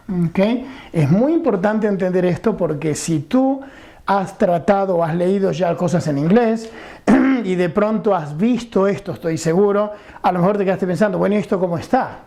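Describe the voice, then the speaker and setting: A man's voice: sits high, creaky, warm tone. A middle-aged man teaching an English grammar lesson, explaining patiently and often checking understanding.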